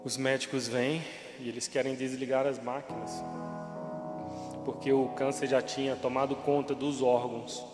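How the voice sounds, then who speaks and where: A man giving an emotional testimony to a church congregation, his voice rising toward shouting at the hardest moments. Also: mid-range voice, little pitch movement, moderate pace. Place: church hall. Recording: echoey hall with music behind.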